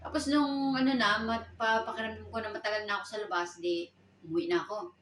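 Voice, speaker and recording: Filipino woman recounting her own story, lively quoting, roomy distant sound with faint background. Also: fast, slight background noise. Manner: animated retelling, raising pitch for quoted lines. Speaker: domestic worker telling her story. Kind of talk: personal storytelling.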